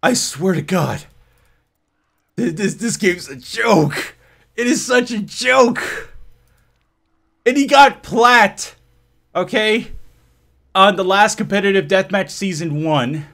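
High, bright-voiced man ranting over gameplay. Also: takes it slowly, vocal fry, pauses often. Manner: exasperated profane ranting; swings between shouting and low muttering. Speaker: gaming channel host. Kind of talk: live gameplay commentary.

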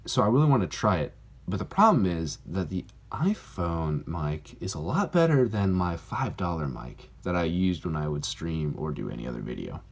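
A man's voice: deep voice, sing-song, normal speed. A man hosting his own channel, talking casually to camera in a rambling, self-deprecating way full of fillers, recorded on a phone. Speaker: YouTuber, channel host. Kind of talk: casual vlog talk to camera. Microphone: phone camera mic.

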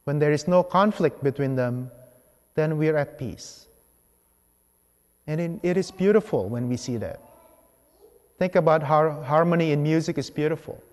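In a large church sanctuary, a man preaches a homily from the ambo with a fairly high-set, darkish-toned voice. He pauses between measured, deliberate phrases while the long reverb trails away.

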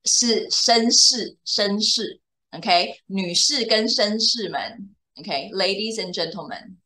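A woman's voice: mid-range voice, lively intonation, slow, pushed and bright. A woman teaching English to a young student one on one, explaining patiently and checking often that the student follows. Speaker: English tutor. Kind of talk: bilingual tutoring lesson.

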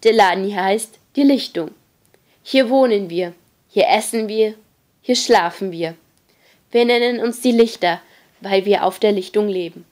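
Brief: a woman reading as a bossy teenage leader, loud and blunt, brisk orders. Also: mid-range voice, lightly acted. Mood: gruff.

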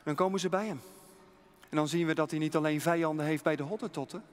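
A man's voice: fairly high pitch, steady tone, fast talker. Man telling a suspenseful story. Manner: dramatic, suspenseful, with many rhetorical questions. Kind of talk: free-told children's mission story. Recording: long hall reverb.

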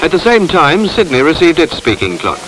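A man reading formal, measured scripted narration for a 1950s documentary on an old film soundtrack. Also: on the high side, big pitch swings, over music, poor audio.

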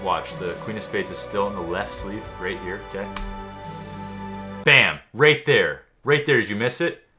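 A man giving a mock magic tutorial commentary in an offhand, boastful, know-it-all way. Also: low-pitched. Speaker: YouTuber.

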